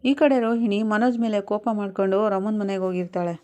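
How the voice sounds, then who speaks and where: A woman narrating a TV serial episode in a plain, steady storytelling manner. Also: mid-range voice, fast talker, clean tone.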